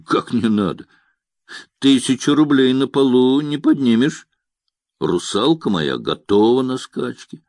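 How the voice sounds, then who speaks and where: A man's voice: medium pitch, animated, a little slow, a little mellow, no echo, voice pushed up. A man reading the lines of a bored, dismissive young cavalry officer who answers curtly and woodenly, in an audiobook. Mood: self-assured. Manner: curt, dry, wooden.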